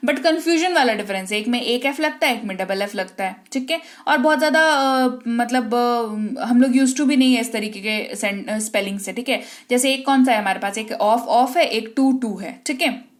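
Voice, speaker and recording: A woman teaching English vocabulary in an online lesson. She explains patiently, slowly dictates example sentences and keeps checking in with her students. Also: high voice. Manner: asks the class quick check-in questions.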